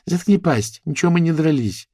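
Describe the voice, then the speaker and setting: A man voicing a brash, crude young woman influencer in an audiobook, talking shrill and rude. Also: animated, moderate pace, darkish tone, no room sound, clean studio sound. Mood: angry. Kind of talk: audiobook character voice.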